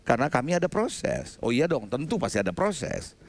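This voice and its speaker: A man preaching a sermon as a pastor, telling stories with sudden loud outbursts. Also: mid-range voice, sing-song, moderate pace. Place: church sanctuary.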